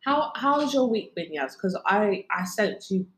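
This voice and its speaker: A woman's voice: medium pitch, very animated, normal speed. A British woman co-hosting a podcast in casual, slangy chat, tired from a sleepless night, laughing easily. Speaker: podcast co-host. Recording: echoey room.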